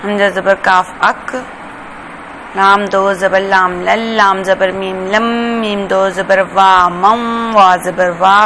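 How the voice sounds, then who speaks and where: A woman teaching a Quran reading lesson, spelling out each syllable slowly and carefully. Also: medium pitch, little pitch movement, bright, forceful tone, slight background noise, rough recording.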